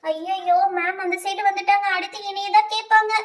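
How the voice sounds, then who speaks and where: A woman's voice: very high-pitched, steady tone, a little fast. A woman voicing an anxious young schoolgirl who pleads for help. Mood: panicky.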